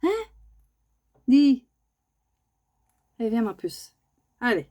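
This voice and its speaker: Her voice is warm, expressive, and mid-range, moving a little slowly as this vlogger chats casually at home. Every so often she breaks into a raised sing-song voice to coo at her pet bird.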